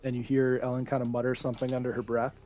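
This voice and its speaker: A man running a tabletop horror game as game master, narrating in a hushed, halting way with many fillers. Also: medium pitch, little pitch movement, slight background noise.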